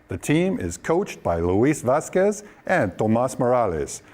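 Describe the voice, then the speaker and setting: Lively man reading sports news. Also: fairly high pitch. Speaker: sports reporter.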